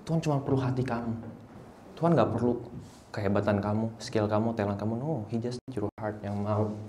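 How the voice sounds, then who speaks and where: Young male preacher, lively and theatrical, switching to English lines, faint noise behind. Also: on the low side, fairly quick. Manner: animated, mixes English phrases, acts out voices, often rises to near shouting. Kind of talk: lively sermon. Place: church hall.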